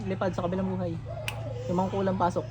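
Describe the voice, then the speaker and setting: A man's voice: high-pitched, completely flat delivery, fast, over a noisy crowd. A man, a faith healer leading a ritual, sternly taunting and interrogating spirits. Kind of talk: healing ritual, commanding spirits. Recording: noisy room recording.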